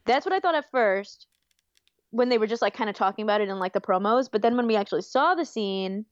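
A woman's voice: fairly high pitch, animated, fast talker, no echo. A woman co-hosting a podcast, chatting easygoingly about a TV show, musing aloud and laughing along. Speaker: podcast co-host. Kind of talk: casual chat about a TV show. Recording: dull, dry lo-fi mic.

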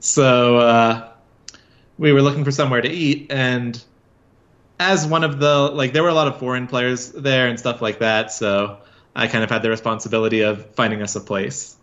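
A man's voice: mid-range voice, normal speed, muffled recording. A man who is a podcast guest, casually telling a story with lots of filler words. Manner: storytelling, relaxed with many fillers.

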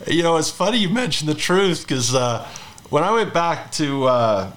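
A man's voice: on the high side, sing-song, moderate pace, fairly bright tone. A man in his fifties hosting a conversational interview, telling rambling anecdotes between questions. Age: 50s. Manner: rambling storyteller who hosts the interview. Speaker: podcast host.

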